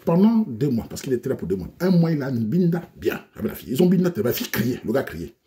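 Conteur camerounais rapide et théâtral. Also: male voice, medium pitch, big pitch swings, dark tone. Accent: Cameroonian French. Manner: théâtral, moqueur, plein d'argot. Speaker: comedic storyteller. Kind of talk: comic storytelling monologue.

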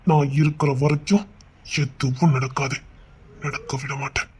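A man voicing a devoted, protective young husband who reassures his wife in a low, firm, hushed voice, in an amateur audio drama. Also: fast. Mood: tender.

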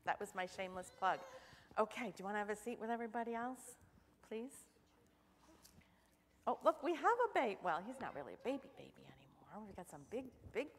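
A young woman gives a children's message in a church sanctuary, her voice rising and falling a lot as she quizzes the kids. She sits a bit high in pitch, and the room adds a long hall reverb. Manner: animated, questioning children playfully. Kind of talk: children's sermon.

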